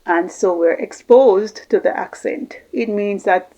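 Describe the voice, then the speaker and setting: With a warm, mid-range voice and a measured pace, this Jamaican host explains communication tips in a relaxed, thoughtful way, circling back to key phrases for emphasis. The recording is rough.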